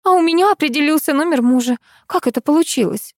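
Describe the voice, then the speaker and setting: A woman's voice: extremely high pitch, normal speed, no room sound, clean studio sound, voice pushed up. A woman voicing the chatty, easily surprised wife of a director. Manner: exclaiming, eager.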